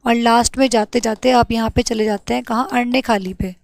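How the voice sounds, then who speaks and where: A young woman teaching an English grammar lesson to exam students, asking and answering her own questions and spelling out letters slowly. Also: a little high, steady tone, gravelly, no room sound.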